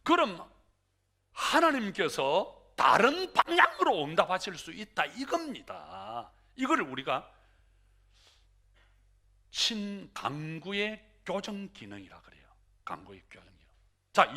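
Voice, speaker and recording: A male pastor preaching a sermon in an animated way, acting out prayers and dialogue as he goes. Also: high voice.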